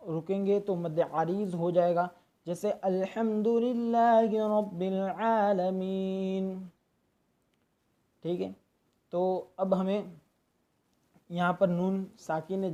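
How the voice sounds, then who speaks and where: Male recitation teacher, mellow and unhurried, patient explainer, lo-fi sound. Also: sits high. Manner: patient, explanatory, stops to demonstrate drawn-out recitation. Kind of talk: step-by-step tajweed lesson. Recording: dull lo-fi recording.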